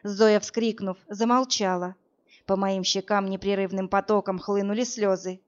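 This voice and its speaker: A woman's voice: medium pitch, fairly even intonation, moderate pace, dull audio. A woman narrating a first-person audiobook in a tense storytelling manner.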